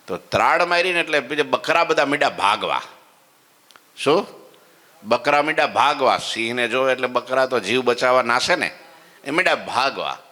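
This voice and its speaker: A man preaching a devotional story sermon in a temple hall, swinging between loud exclamations and low asides and checking in with listeners.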